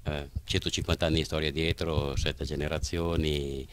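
A man's voice: very deep voice, level tone, normal speed, clear, resonant tone. A man, a puppeteer explaining his craft in an interview into a handheld microphone. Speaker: puppeteer from a family company. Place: indoors at the puppet theatre.

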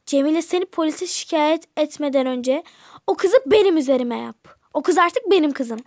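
A woman's voice: sits high, expressive, normal speed, a little mellow, no echo. A woman voicing a kind, caring aunt in a toy game role-play, affectionate and fussing over the children. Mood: fond. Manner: affectionate, fussing, calls everyone dear.

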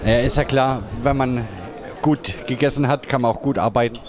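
A man's voice: medium pitch, steady tone, normal speed. A man casually interviewing guests at a New Year's Eve party at a restaurant, chatty and joking. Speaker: event reporter and interviewer. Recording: loud party music and crowd. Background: party music and crowd chatter.

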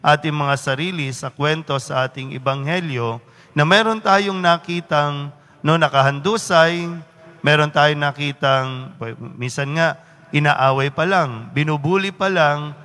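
A man's voice: a little high, a little slow, sharp tone. A man, a priest, giving a homily at Mass and asking the congregation questions. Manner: asks the congregation questions, quotes people aside. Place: church. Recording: church hall reverb.

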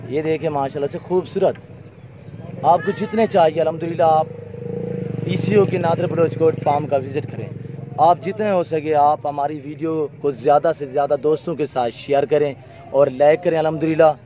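A man from Pakistan with a Pakistani Urdu accent, walking through his goat pens and giving a repetitive sales pitch. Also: steady tone, fairly quick, noisy background. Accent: Pakistani Urdu, Saraiki region. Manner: repetitive, pitching, peppered with religious phrases. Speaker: goat farm owner and seller. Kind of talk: off-camera sales walkthrough of livestock. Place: outdoor goat pens on a farm.

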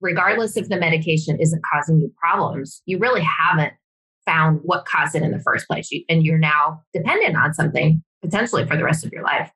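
A woman's voice: low-pitched, fairly bright tone, breathy edge, poor audio. A woman co-hosting a podcast, chatty and engaged in a casual interview. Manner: chatty, quick to laugh along. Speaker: podcast co-host.

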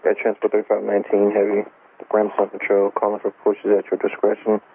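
A man's voice: on the low side, completely flat delivery, fast. A male ground controller giving matter-of-fact, procedural air traffic instructions over radio. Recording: narrow, slightly noisy aviation radio.

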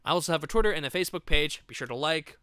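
A man hosting a let's play, chatting loosely through the game with plenty of ums and restarts. His voice is bright and crisp, with a slightly raised pitch. The recording is dry and close. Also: expressive, rapid-fire, no echo. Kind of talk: casual gameplay commentary.

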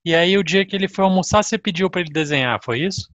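A man's voice: high-pitched, fast, highs cut off, crowd noise. A middle-aged man from interviewing his father over a video call, friendly and prompting with questions. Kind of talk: casual family interview. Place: home room with pictures on wall, indoors.

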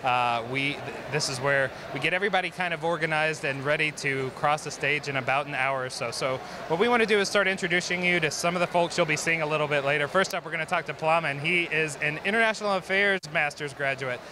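A man's voice: a little high, quick pace, few pauses, background noise. A man interviewing graduates live with an enthusiastic, chatty manner, on a handheld mic in a crowded indoor gym. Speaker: social media manager interviewing graduates.

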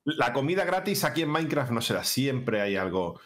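A man's voice: medium pitch, very animated, moderate pace. A man joking and bossing his co-host around while playing a game. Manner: teasing, game-show bossy. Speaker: gaming co-host. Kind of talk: casual gameplay chat.

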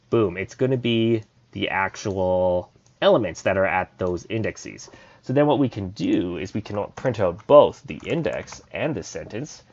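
Guy doing a chill coding tutorial, kinda low voice, thinks out loud, muffled lo-fi mic. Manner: casual, thinks aloud while typing code. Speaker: programming tutor. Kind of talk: screen-recorded coding tutorial.

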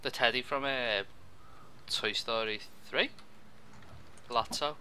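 A young man chatting while playing a co-op strategy game, excitable, with quick outbursts and laughs. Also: mid-range voice. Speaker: co-op gameplay commentator. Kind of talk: casual gaming chat.

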